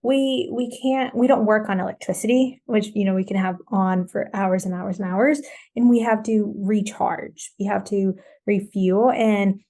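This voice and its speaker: A woman in her thirties, originally from Colombia, is a guest on a casual podcast, talking about wellness coaching. She rambles a little and leans on "you know" and "like" fillers. Her pitch is in the middle range for a woman. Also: steady tone, unhurried, mellow.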